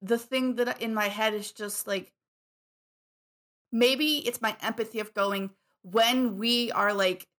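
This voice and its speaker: A woman's voice: on the high side, steady tone, takes it slowly, a bit bright. A woman guest asking for advice, thinking aloud hesitantly with many restarts. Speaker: caller seeking advice. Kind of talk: casual conversation.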